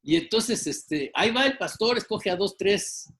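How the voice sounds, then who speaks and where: Man, high voice, slow emphatic preaching tone, many fillers. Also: lively intonation, a bit bright, low-quality recording. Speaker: guest. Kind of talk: exhortation in an interview.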